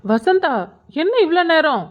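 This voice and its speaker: A woman's voice: high-pitched, expressive, measured pace. A woman voicing a sly, joking young man, the friend, in a cartoon. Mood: teasing. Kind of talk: cartoon voice acting. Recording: dull lo-fi sound.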